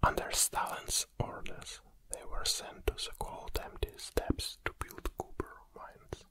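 The voice belongs to a Kazakhstani man in his forties with a Russian accent who hosts ASMR content in a slow, hushed, close whisper, hesitating now and then. A condenser mic on a stand captures him in his small home studio as he listens through headphones.

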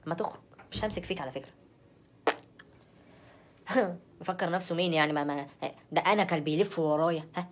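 A woman's voice: on the low side, fast talker, pauses often, a little hiss or hum. A young woman with an Egyptian accent performing a comic phone-call sketch, sounding exasperated and repeating herself over and over. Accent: Egyptian Arabic.

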